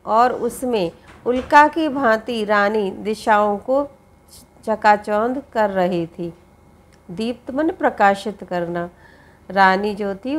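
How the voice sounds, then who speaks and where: A woman teacher giving a poetry lesson. She reads each verse line, then explains it slowly in plain words, often repeating herself. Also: mid-range voice.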